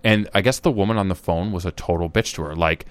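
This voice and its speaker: A man's voice: deep voice, quick pace, no room sound. A man co-hosting a podcast, telling a long rambling story in casual chat with frequent restarts. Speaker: podcast co-host.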